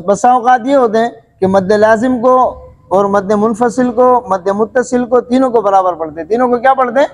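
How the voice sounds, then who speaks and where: Guy teaching quran reading, kinda high voice, keeps asking "right?" and answering himself, coughs a bit, lots of reverb. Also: darkish tone. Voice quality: repetitive question-and-answer teaching, frequent filler phrases. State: occasional coughing and throat clearing. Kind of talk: classroom tajweed lesson.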